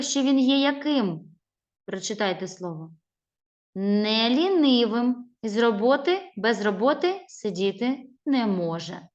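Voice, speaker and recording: A primary school teacher in a recorded reading lesson, speaking to young children in a mid-pitched voice. She talks very slowly, carefully and expressively, spelling out words and stressing each syllable. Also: dull audio. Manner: addresses children warmly and directly.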